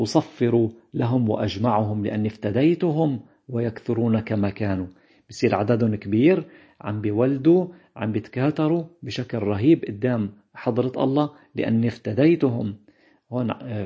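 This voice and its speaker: A man with a Lebanese accent teaching a Bible passage in a slow, unhurried way with many hesitations. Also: mid-range voice, dark tone, breathy edge, lo-fi sound. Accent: Lebanese Arabic. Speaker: preacher. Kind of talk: Bible teaching in colloquial dialect.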